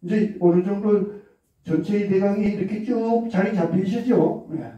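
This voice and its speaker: A man with a high-pitched, mellow voice and fairly even intonation lectures unhurriedly on communication, explaining concepts, checking in with listeners, and acting out example lines. The lo-fi recording is very echoey, distant, and dull.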